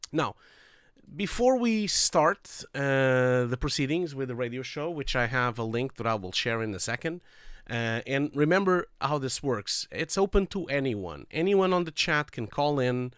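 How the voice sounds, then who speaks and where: A man with a mid-range, slightly bright voice hosts a livestreamed call-in show, chatting casually and upbeat while speaking straight to his viewers. He sounds stuffy and nasal from a cold, with his breathing audible. The close streaming mic gives a clean studio sound with a clean tone and no room sound.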